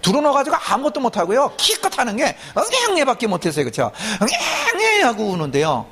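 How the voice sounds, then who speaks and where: A man's voice: very high-pitched, huge pitch swings, fast talker, fairly bright tone. A man preaching a sermon as a pastor, often asking his congregation questions and then answering them himself.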